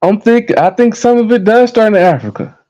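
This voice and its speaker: A man's voice: high-pitched, animated, fairly quick, warm tone, highs cut off. An American man in his thirties talking to his viewers in a casual, heated monologue, blunt and full of profanity. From United States. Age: 30s. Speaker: vlogger.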